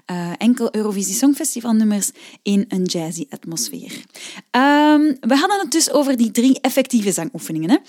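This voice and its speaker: A woman's voice: on the high side, expressive, brisk, darkish tone. A Flemish woman in her thirties hosting a singing-lesson podcast, explaining exercises in a chatty way with frequent fillers. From Belgium. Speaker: podcast host and vocal coach.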